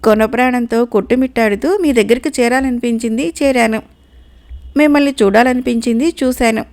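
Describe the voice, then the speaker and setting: Sly male crow minister in a storybook fable, voiced by a woman narrator, soft pleading delivery, somewhat high voice. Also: brisk, natural voice. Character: cunning male crow minister, calm and scheming.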